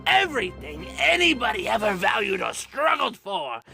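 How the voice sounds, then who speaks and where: Mad theatrical villain, high-pitched, creaky gravel, taunting, bitter, dramatic monologue over music. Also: male voice, big pitch swings, normal speed, exaggerated voice. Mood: manic, ranting. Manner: theatrical, swooping from hushed menace to manic shrieks.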